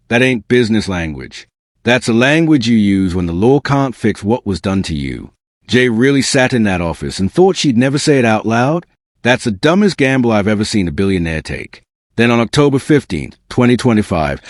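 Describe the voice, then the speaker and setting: A man's voice: on the low side, no room sound, clean studio sound. A man narrating a scripted exposé as host, with a smug, sarcastic, dramatic delivery and slangy phrasing. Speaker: host of a celebrity gossip video channel.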